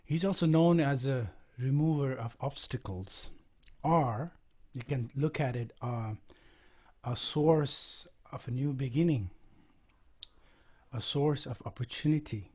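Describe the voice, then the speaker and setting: A man from Nepal, softly guiding listeners into a devotional chant, often trailing off to a near whisper. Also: medium pitch. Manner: soft-spoken, halting, drops to near whisper. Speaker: musician leading a chant. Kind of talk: guided devotional chant session. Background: faint percussion music.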